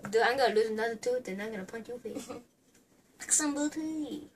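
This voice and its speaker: A high-pitched female voice fooling around in a mock interview at home, sliding in and out of put-on accents. She sits some way from the microphone, so the home recording sounds distant. Her delivery is playful and jokey. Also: moderate pace, a little hiss or hum.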